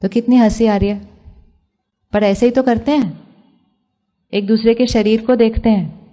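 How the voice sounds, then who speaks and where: A woman's voice: fairly high pitch, steady tone, measured pace, dark tone. An Indian woman giving a spiritual talk to a live audience, asking them questions and mixing English phrases into her speech. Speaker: spiritual speaker.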